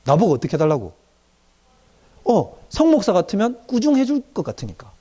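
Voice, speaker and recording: A man's voice: high voice, a little fast, slightly rough. A middle-aged male pastor, preaching a doctrine lecture and acting out the voices of young people he has counselled. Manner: animated, acts out quoted young people in dialect.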